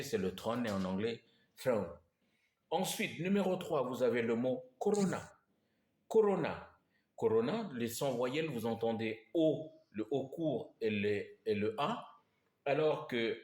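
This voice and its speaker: Male teacher, slow, patient delivery, repeats words, echoey room. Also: mid-range voice, a little mellow. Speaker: language teacher. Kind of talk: slow language lesson.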